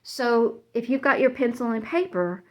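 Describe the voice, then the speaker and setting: A woman's voice: fairly high pitch, animated, normal speed, dull audio. A woman narrating a casual decluttering vlog as she walks through her home, chatty and rambling, a little out of breath, laughing at herself. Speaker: vlogger. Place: cluttered home, moving between rooms.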